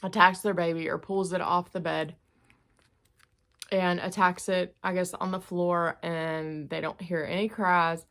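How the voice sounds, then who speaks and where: A woman's voice: lowish voice, flat delivery, measured pace, fairly bright tone. A middle-aged woman chatting casually to camera in an eating video, chewing noisily as she talks with her mouth often full. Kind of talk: casual mukbang chat to camera, commenting on a news story.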